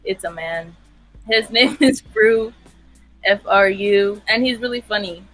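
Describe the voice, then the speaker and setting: A woman's voice: medium pitch, measured pace, fairly bright tone, soft background music, low-quality recording. A young woman from California chatting casually and hesitantly with a stranger on video chat from her bedroom. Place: bedroom with lights.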